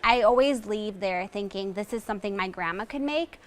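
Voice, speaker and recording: A woman from Ukraine, a guest reviewer, speaking enthusiastically and at a measured pace on a TV discussion. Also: medium pitch, slight background noise. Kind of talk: casual TV discussion.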